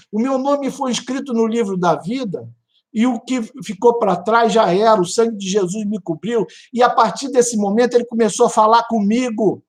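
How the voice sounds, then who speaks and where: A man preaches a live testimony. He tells his story with animated energy and mimics a pounding heartbeat. He speaks straight to his listeners as brothers and sisters. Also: sits high. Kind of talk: live-streamed testimony sermon.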